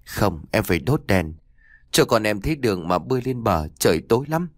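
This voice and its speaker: A man voicing a grieving young village mother who pleads and sobs in a raised, hurried voice, for an audiobook. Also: big pitch swings, no room sound, studio quality. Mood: desperate pleading. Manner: sobbing, pleading, quick and high. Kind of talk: audiobook character voice.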